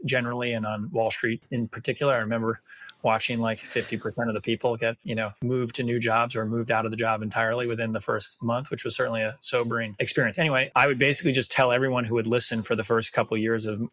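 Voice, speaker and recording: Brisk, flat-voiced man from New York. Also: mid-range voice, dry recording. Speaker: guest, co-founder. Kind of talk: casual interview chat.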